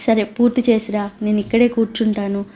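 A woman's voice: medium pitch, little pitch movement, brisk, dark tone, natural voice. A woman reading as a coaxing, pushy office superior. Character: pushy male office superior, smooth predator. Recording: dull lo-fi recording, faint hiss.

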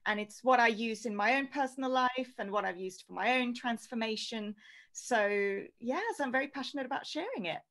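A woman's voice: on the high side, brisk, fairly bright tone. A woman in her thirties from Norway, a singer-songwriter guest speaking earnestly on a headset microphone in a video-call interview. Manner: earnest, laughs lightly between thoughts.

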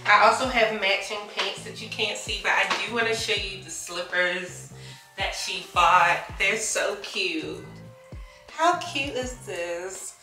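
A woman's voice: mid-range voice, slow pace, pushed and bright, roomy sound, far from the mic, faint music behind. A young woman talking casually to the camera in an upbeat, chatty travel vlog, filmed indoors in a small cabin bathroom. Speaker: vlogger.

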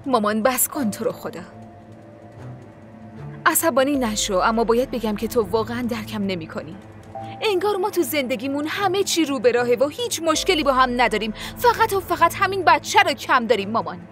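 Brief: high-pitched, reproachful young wife, soft music under the dialogue. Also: female voice, sing-song. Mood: defensive. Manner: reproachful, pleading. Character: young wife, frustrated with selfish husband. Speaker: dubbing actor. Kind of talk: dubbed TV drama dialogue.

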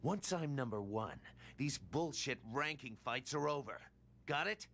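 A man's voice: mid-range voice, lively intonation, unhurried, a bit bright. A man voicing a blunt, defiant assassin in a video game cutscene, swearing as he talks. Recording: game audio under commentary, faint hum.

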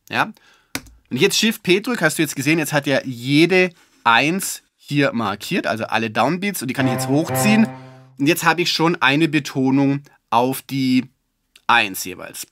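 A man giving a relaxed, chatty music-software tutorial, with fillers and self-corrections. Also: mid-range voice, a little slow. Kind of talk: screen-recorded software tutorial.

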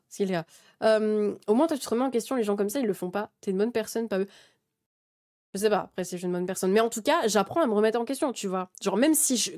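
A woman's voice: a little high, a little mellow. A woman in her twenties streaming and talking heatedly to her chat, swearing freely and restarting her sentences often. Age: 20s. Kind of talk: casual rant to chat.

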